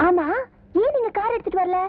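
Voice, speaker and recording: A woman's voice: extremely high pitch, brisk. An actress playing a young college woman who pleads sweetly in a film comedy scene, heard on a tinny old soundtrack. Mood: coaxing. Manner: pleading, coaxing.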